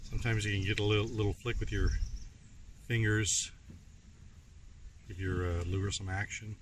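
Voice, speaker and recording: A man's voice: fairly low pitch, normal speed. A man in his forties casually narrating a fishing vlog from a small boat on a lake, talking as he casts and reels. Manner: relaxed, talks while casting and reeling. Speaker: outdoor vlogger. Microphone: action camera close to face. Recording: distant camera mic, loud outdoor noise.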